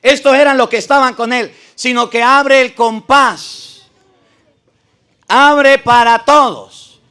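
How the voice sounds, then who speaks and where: A man's voice: very high voice, takes it slowly, bright, forceful tone, clear, resonant tone. A priest in a debate, arguing emphatically with his opponents and repeating scripture phrases for stress. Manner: emphatic, addresses opponents directly. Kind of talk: preaching debate argument.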